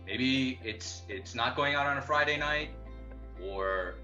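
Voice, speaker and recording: Bright-voiced man, dull lo-fi sound. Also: mid-range voice, slow pace, faint music behind. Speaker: doctoral student. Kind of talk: testimonial.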